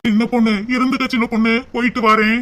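A man voicing a polite young husband in a cartoon, quickly declining an offer of food. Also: very high voice, level tone, fairly bright tone. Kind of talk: cartoon voice acting.

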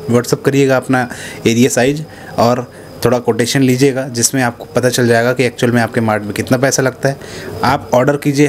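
A man in his thirties giving a casual pitch to camera about setting up supermarkets, chatty and full of tag questions, in a small office. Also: slight background noise. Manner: conversational, repeats "है ना" and "ठीक है" tags. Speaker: business consultant pitching supermarket setup. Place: small indoor office room. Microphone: handheld clip mic held near chin.

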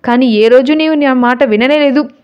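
A nosy village gossip scolding in a told-you-so way, as a woman narrator puts her on. The voice is high in a storybook telling. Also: normal speed, clean tone, muffled recording, lightly acted.

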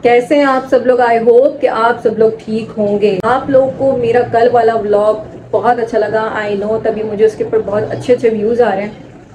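A woman's voice: on the high side, background noise. Young woman vlogger chatting to her phone. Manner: chatty, talks straight to camera. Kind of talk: casual home vlog. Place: home rooms and kitchen, indoors. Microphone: phone camera at arm's length.

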